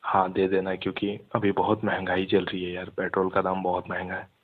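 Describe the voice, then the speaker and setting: Heard through a muffled phone line, a young man talks in a low, monotone, brisk voice. The call is casual, but he is insistent and argumentative, mixing in some English words.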